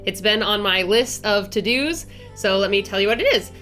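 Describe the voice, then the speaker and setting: Talking through her drawing process for a casual art vlog, this twenty-something art channel host sounds stuffy and nasal from a head cold. Her medium-pitched, fairly bright voice moves at a normal speed with lively intonation, and she chats casually and cheerfully with lots of fillers and restarts. Soft music plays behind her.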